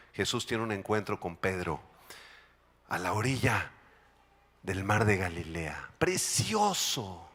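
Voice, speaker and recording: A man with a Mexican accent preaching a sermon as pastor, swinging between loud bursts and hushed, slow passages. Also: fairly low pitch. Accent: Mexican Spanish.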